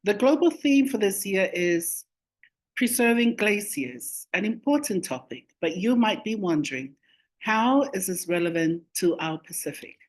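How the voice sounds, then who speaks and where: A woman delivering a formal, measured welcome address as a chairperson. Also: medium pitch, expressive. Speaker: government chief executive and task force chair. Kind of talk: formal prepared welcome speech.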